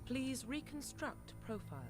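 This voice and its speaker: Calm female database computer. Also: high voice, normal speed, soft background music. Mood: announcing. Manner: flat announcing tone, clipped system prompts. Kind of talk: video game interface voice.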